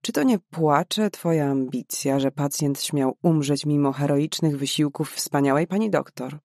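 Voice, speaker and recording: A man's voice: fairly high pitch, a little slow, gravelly, darkish tone, no room sound, clean studio sound. A man voicing a cold, sarcastic old male head doctor in an audiobook, with a cutting manner. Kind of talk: audiobook character voice.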